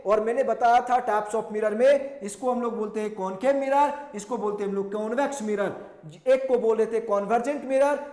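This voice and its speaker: Male physics teacher, very high voice, call-and-response lecturing, echoey room. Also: darkish tone. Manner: asks and answers his own questions, repeats key terms; mixes English technical phrases into Hindi, read out slowly. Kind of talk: classroom lecture.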